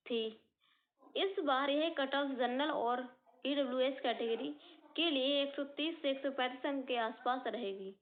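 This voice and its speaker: High-voiced woman teacher, tinny sound. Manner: earnest, repeats and rephrases points, speaks directly to students. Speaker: exam coaching teacher. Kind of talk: informal exam-results explainer.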